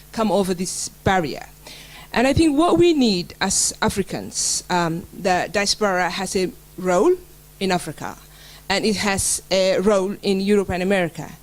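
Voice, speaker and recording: A middle-aged woman from Somaliland speaking earnestly on a panel, with many pauses, fillers and restarts. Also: mid-range voice, rough recording. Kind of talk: panel speech.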